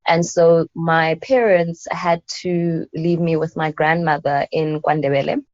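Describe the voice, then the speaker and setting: A woman in her thirties, a guest telling stories from her childhood in a reflective way, thinking aloud with soft fillers. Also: deep voice, steady tone, measured pace, no room sound. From South Africa. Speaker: guest, anthropologist and poet. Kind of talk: casual interview conversation. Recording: dull, lo-fi and dry.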